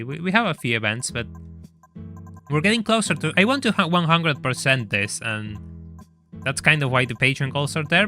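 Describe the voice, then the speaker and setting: This young Argentine streamer has a medium-pitched voice that sounds pushed and bright. Playing a racing game live, he chats and narrates casually, laughing frequently and tripping over repeated words.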